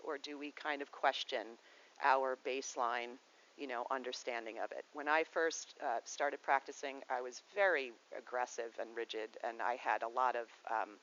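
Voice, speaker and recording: Yoga lady talking loosely through a class, kinda digressive, muffled low-fi recording. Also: steady tone, normal speed, a bit bright. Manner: rambling and digressive, with many restarts. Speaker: yoga teacher. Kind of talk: casual spoken lesson.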